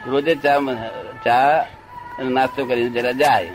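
A man's voice: medium pitch, flat delivery, a little slow, music in the background. An older man telling a rambling anecdote in casual chat, often checking that his listener follows. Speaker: storyteller.

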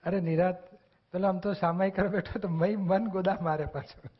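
A man talks through spiritual teachings in an earnest, explanatory way, now and then acting out short bits of dialogue. His voice sits a little high for a man. The recording is dull and lo-fi. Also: fairly even intonation, fairly quick, breathy edge. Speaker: spiritual discussion speaker. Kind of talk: religious discourse explanation.

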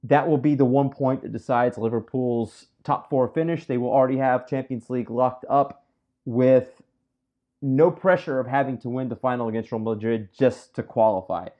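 Male host, middle-pitched, blunt and swearing, muffled podcast recording. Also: moderate pace. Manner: blunt and emphatic, swears freely. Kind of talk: casual sports chat.

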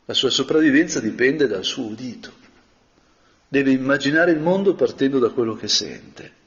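A man giving a reflective spoken meditation as a preacher, talking slowly and thoughtfully with frequent pauses. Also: mid-range voice, fairly bright tone. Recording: dull, reverberant audio.

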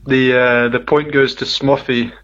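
A man's voice: mid-range voice, little pitch movement, a little slow, fairly bright tone, highs cut off. A man with a British accent hosting a pub quiz on a live radio show, hesitant and full of fillers. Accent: British English. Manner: hesitant, filler-heavy, laughs often. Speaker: guest quizmaster. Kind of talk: casual live radio chat.

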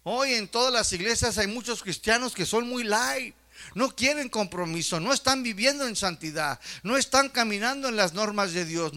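A male preacher with a high, ringing voice delivers a fervent sermon. He keeps turning to his congregation with rhetorical questions and calls to his brothers. His tone is bright and forceful.

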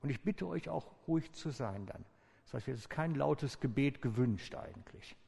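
Gravelly and mellow at a medium pitch, a male pastor's voice echoes with long reverb across a large church hall. His sermon is calm and inviting, paced with deliberate slowdowns and pauses.

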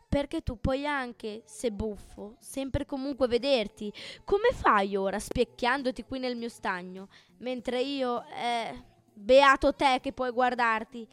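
A woman's voice: animated, moderate pace, pushed and bright. A woman voicing a boastful, vain lord of a pond who hides under the water, in a storybook reading. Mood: wistful. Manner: pompous, grandiose, booming then sighing.

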